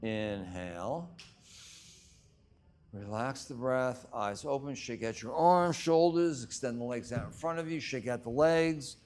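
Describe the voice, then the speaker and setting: A male instructor leads a breathwork and exercise class, delivering measured instructions in short phrases separated by long pauses. His voice is mid-range with a darkish tone.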